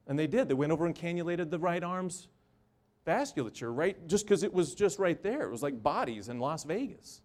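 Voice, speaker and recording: A man who works in an emergency room gives a personal storytelling talk, earnest and halting, with short repeated phrases. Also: on the high side, expressive, darkish tone. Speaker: emergency room medical worker.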